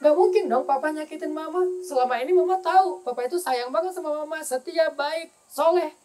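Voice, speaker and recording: A man voicing a frightened young wife on a ship in a storm, speaking in a pleading, rushed way in a raised voice. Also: very high-pitched, background noise, voice pushed up. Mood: reassured.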